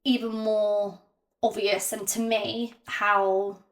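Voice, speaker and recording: A woman vlogging to camera without a script, hesitant and self-conscious, with many ums and pauses, and slightly out of breath. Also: medium pitch, flat delivery. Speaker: YouTuber. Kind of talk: unscripted talk to camera.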